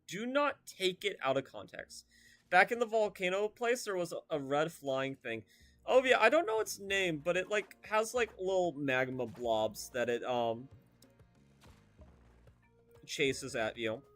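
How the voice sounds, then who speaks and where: A man's voice: high voice, animated, unhurried, fairly bright tone, faint music behind. A young man streaming a video game, chatting casually and rambling off into tangents with lots of fillers. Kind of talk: casual gameplay commentary.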